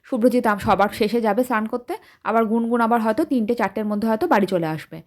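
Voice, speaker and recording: A woman's voice: on the high side, fast. Woman in her thirties, home vlogger, easy chatty delivery addressed to viewers. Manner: chatty, talks straight to viewers; speaks softly at night so the family sleeps. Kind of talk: casual daily-life vlog.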